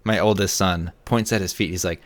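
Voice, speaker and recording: Brief: man in his 30s with a lowish voice, podcast co-host, loose, rambling anecdote with plenty of "uh" and "like". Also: fairly even intonation, fairly quick. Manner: rambling storyteller, many fillers and laughs. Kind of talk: casual chat.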